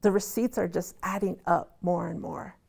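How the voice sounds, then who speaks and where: A woman's voice: on the low side, fairly even intonation, moderate pace, gravelly, a little mellow, slightly rough. A woman academic giving commentary as an expert in a news interview.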